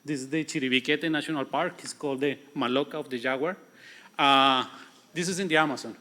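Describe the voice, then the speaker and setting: A young adult man from Colombia with a strong Latin American Spanish accent, speaking fast in a conference presentation and often restarting his words. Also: medium pitch, pushed and bright.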